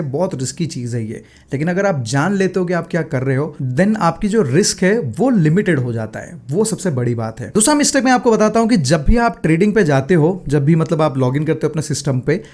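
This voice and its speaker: Casual male vlogger, thirties, high voice, loose talk full of fillers. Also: darkish tone. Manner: chatty, Hindi-English mix, frequent fillers. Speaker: day trader sharing his mistakes.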